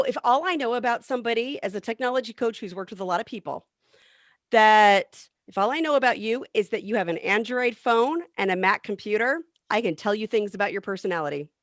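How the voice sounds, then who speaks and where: A woman's voice: mid-range voice, no echo. Woman tech coach chatting on a panel, lots of ums and restarts, dry close sound. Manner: animated, thinks aloud with fillers and restarts. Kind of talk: casual panel discussion.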